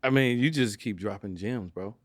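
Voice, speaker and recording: A man hosting a podcast, earnest and reflective, quick to laugh with his guest. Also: lowish voice, no echo, clean studio sound. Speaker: podcast host. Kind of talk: reflective interview chat.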